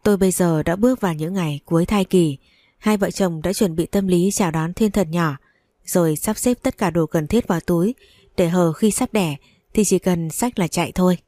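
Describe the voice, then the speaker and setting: Mellow-voiced woman telling a story. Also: lowish voice, moderate pace, no echo, clean studio sound. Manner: chatty, wry storytelling. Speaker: story narrator. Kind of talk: first-person story narration.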